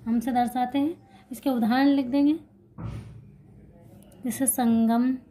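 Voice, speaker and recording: High-voiced and warm, with a steady tone and fairly quick delivery, a woman leads an exam-prep grammar lesson. As she writes, she explains and repeats the main points, posing questions and then answering them.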